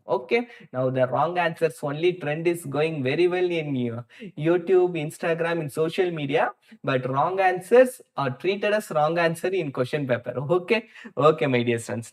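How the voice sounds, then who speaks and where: A maths teacher with an Indian accent runs a live online lesson, reasoning aloud through each problem, addressing his students directly and repeating words to stress them. His voice is a little high.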